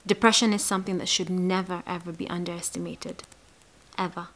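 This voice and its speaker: A woman psychologist explaining a mental health topic to camera, speaking emphatically and dropping to soft, breathy asides on key points. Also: fairly low pitch, flat delivery, a little fast. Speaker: psychologist hosting an educational channel.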